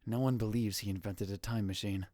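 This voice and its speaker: A man's fairly low, darkish, natural voice voices a theatrical, hot-headed young would-be mad scientist in a first-person anime visual novel fan dub, delivered a little fast in a steady tone. Brooding in mood, he breaks into grandiose, dramatic outbursts, recorded dry and clean in a studio.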